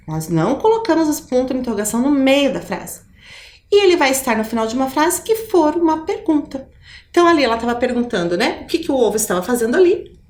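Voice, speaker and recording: A Brazilian woman teaching a primary school lesson, with an expressive sing-song teacher voice that stretches key words. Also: a little high. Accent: Brazilian Portuguese. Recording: roomy echo.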